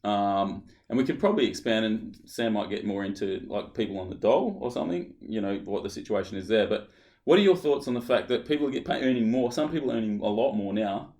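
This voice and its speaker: A man's voice: on the low side, lively intonation, a little mellow. An Australian man hosting a casual podcast chat, stopping and restarting as he lays out his questions. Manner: halting, restarts often while posing questions. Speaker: podcast host.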